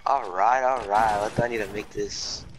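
A man's voice: on the low side, fairly even intonation, normal speed, a little hiss or hum, low-quality recording. A man in casual gaming chat with a friend, laid-back and swearing casually while he plays. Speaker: gamer.

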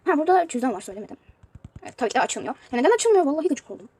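A woman's voice: high voice, sing-song, rapid-fire, a little mellow, a little hiss or hum. A woman giving casual commentary on a mobile game she is playing, chatty and prone to exasperated outbursts. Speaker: youtuber showing a mobile game.

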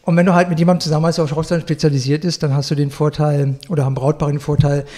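A middle-aged man chats as a podcast guest. His voice sits a little high for a man. He rambles, restarts sentences and corrects his own numbers in an easygoing, conversational way. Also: flat delivery, very fast, dark tone. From Berlin, Germany. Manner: rambling, self-correcting, chuckling asides. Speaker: guest florist. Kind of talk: casual interview chat.

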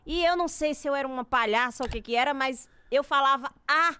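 A fast-talking woman in her twenties with a drawl tells stories as a guest in a small podcast studio, speaking into a boom mic while wearing headphones. The chat is casual, lively, slangy and animated.

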